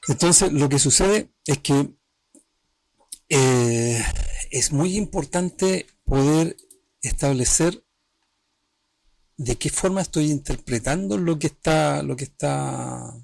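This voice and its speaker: Speaking slowly with frequent pauses, a man with a gravelly, somewhat high and slightly mellow voice hosts an emotional healing livestream. He talks conversationally in short phrases that start over, repeatedly making sure the listener is with him, in a dry recording.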